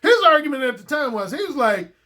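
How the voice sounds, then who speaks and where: A man's voice: extremely high pitch, sing-song, a little fast, bright, forceful tone. A man giving a casual, opinionated video monologue as a dating coach, confident and blunt, repeating points for emphasis.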